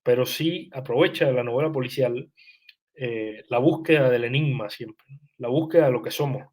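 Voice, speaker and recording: A man's voice: medium pitch, moderate pace, a little mellow. A young man, a writer answering interview questions in a thoughtful, hesitant way, with frequent restarts and fillers. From Cuba.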